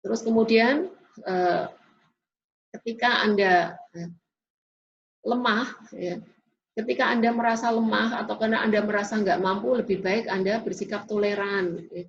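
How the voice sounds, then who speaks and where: A woman's voice: medium pitch, fairly even intonation, normal speed, pauses often. A woman giving a classroom lecture in an explanatory way, often tagging sentences with a questioning "ya". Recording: dull lo-fi recording.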